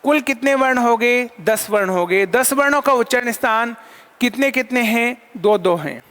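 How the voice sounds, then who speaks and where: A Sanskrit teacher gives an online lesson in a very high-pitched, smooth, slightly bright voice, with long hall reverb on the recording. He asks questions and answers them himself, and counts items aloud.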